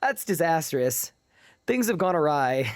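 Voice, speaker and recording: A man's voice: on the high side, sing-song, unhurried, no room sound, studio quality. A sleep-deprived man streaming a game live, chatting casually and reading his chat aloud.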